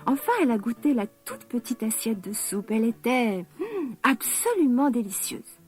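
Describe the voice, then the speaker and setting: A woman narrating a children's fairy tale in a gentle, expressive way. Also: fairly high pitch, normal speed. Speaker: storyteller.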